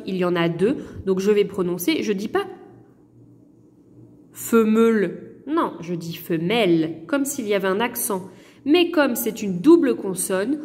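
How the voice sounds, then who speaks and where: Patient woman teacher, slow delivery for children, reverberant classroom sound. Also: mid-range voice, darkish tone. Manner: slow, patient, explaining with frequent checks. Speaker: primary school teacher. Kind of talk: recorded lesson for children. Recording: echoey room reverb.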